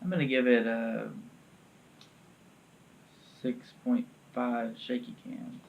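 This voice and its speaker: A man's voice: medium pitch, fairly even intonation, slow, vocal fry, phone-quality sound. A man co-hosting a casual movie review podcast, opinionated and dry. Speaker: podcast co-host.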